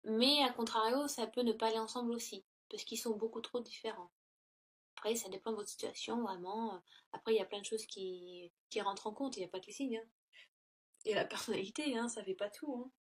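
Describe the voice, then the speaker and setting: A woman's voice: a little high, fairly quick. A woman giving a casual tarot reading to her laptop, hesitant and full of fillers and self-corrections. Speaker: tarot reader. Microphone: laptop built-in mic.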